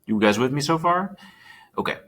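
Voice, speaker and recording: A man's voice: on the high side, lively intonation, moderate pace, fairly bright tone. A man teaching a recorded Spanish lesson, chatty and checking in with his students as he types. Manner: chatty, checks in with students, talks while typing.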